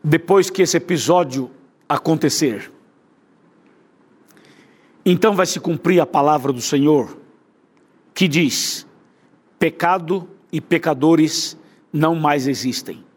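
A man's voice: fairly high pitch, takes it slowly, long pauses, husky. A man preaching a sermon with a Brazilian Portuguese accent, fervent and built on repetition.

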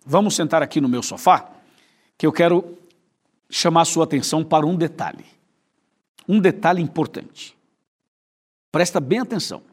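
Husky-voiced Brazilian pastor preaching intimately. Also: male voice, on the high side. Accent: Brazilian Portuguese. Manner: intimate, inviting address to the viewer; repetitive rhetorical questions. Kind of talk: evangelistic sermon.

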